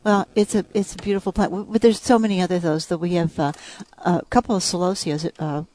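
Eager lady garden center expert on the radio, lowish voice, gushing about flowers. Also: steady tone, quick pace, dark tone. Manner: enthusiastic, earnest, with restarts. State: out of breath. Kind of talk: casual radio chat.

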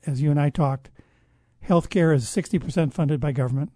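A man with a mellow voice that sits a little high talks through his views in a measured, explanatory way. He often stops and restarts his sentences. The sound is dry and close. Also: no room sound. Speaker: guest expert on public health. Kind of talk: conversational interview answers.

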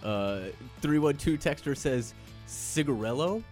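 A man's voice: lowish voice, moderate pace, a little mellow, faint music behind. A man hosting a sports radio postgame show, moving through texts and sponsor reads.

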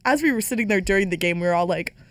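A woman's voice: medium pitch, expressive, very fast, dry recording. Young female podcast host, chatty, mid voice, dry close recording. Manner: chatty, many fillers like "like". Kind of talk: casual sports podcast chat.

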